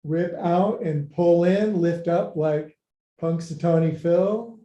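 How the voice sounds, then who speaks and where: A man's voice: a little high, takes it slowly, warm tone, dull audio. A middle-aged man leading a live-streamed yoga class, giving short clipped commands and counts mixed with playful, folksy joking asides. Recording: echoey room sound.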